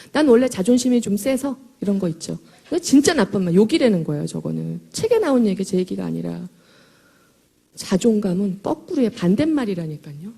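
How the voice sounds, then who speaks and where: A middle-aged woman giving a lively, emphatic motivational talk to a live audience in a large hall, her voice a little hoarse and chatty, joking with the listeners as she goes. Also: on the low side. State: slightly hoarse. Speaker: motivational speaker at a sales event.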